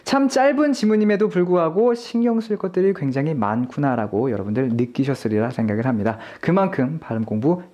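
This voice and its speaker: Online lecture teacher; polite and encouraging, animated intonation, repeats words slowly for viewers. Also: mid-range voice. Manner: patient, demonstrates example words slowly and repeats them. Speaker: English pronunciation teacher.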